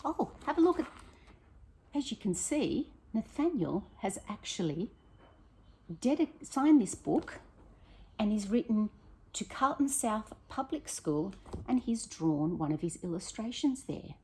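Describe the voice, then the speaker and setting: On a rough recording, a woman teacher at a primary school reads a picture book aloud with expression, stopping to ask the children questions. Her voice is slightly husky and medium in pitch, and her pace is measured.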